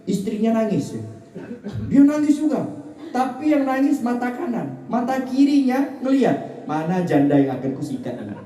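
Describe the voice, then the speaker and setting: Lively preacher from Pontianak, echoey and distant. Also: male voice. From Pontianak, West Kalimantan. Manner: animated storytelling with sudden high-pitched emphasis and jokes. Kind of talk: humorous religious sermon. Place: mosque gathering. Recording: echoey hall, picked up from far off.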